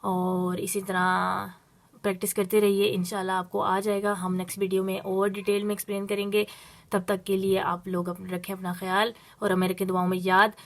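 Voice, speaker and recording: A woman teaching a Spanish lesson, explaining step by step and drawing out her Spanish examples slowly. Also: medium pitch, level tone. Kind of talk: spoken language lesson.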